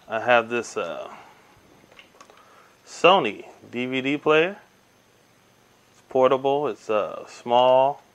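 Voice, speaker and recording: An easygoing man narrates a hands-on tech demo at a table by the window. His voice sits in an ordinary middle range, and he walks through each step slowly with plenty of ums and uhs, as heard through a camera mic. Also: mid-range voice, smooth. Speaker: tech reviewer. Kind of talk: casual hands-on product demo. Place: indoors at a table by window blinds.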